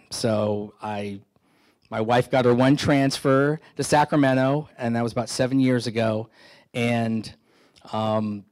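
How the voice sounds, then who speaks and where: A middle-aged man from the San Francisco Bay Area, an FBI agent serving as keynote speaker, stands before an audience in an indoor meeting hall with a handheld microphone. In a mid-range voice he tells stories conversationally, with self-deprecating humor and many restarts.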